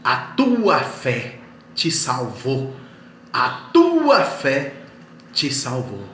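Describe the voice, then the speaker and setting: A man giving voice to a calm male teacher, each word slow and weighed. It sounds in a roomy, echoing space with faint ambience. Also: medium pitch, slight background noise. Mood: solemn. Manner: slow, emphatic. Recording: echoey room.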